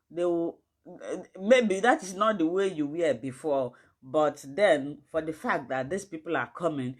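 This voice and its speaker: A woman's voice: lowish voice, a little mellow. A woman with a West African, Nigerian accent giving an informal livestream health lesson, addressing viewers directly and emphatically with rhetorical questions. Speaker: online health teacher.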